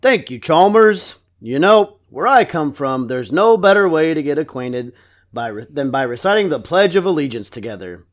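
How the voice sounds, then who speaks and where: A man's voice: on the high side, big pitch swings, normal speed. A man voicing a stern, aggrieved war veteran turned school principal, formal and commanding.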